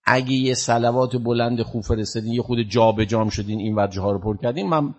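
A man giving a sermon, telling a story in a lively way, rising loud and dropping low. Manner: animated, swings from loud to hushed. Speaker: preacher. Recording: dull lo-fi sound.

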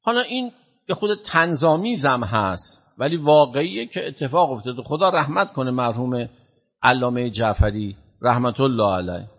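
Husky-voiced man preaching with loud swings. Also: mid-range voice. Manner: animated, swings from loud to hushed. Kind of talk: sermon with storytelling. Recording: dull lo-fi sound.

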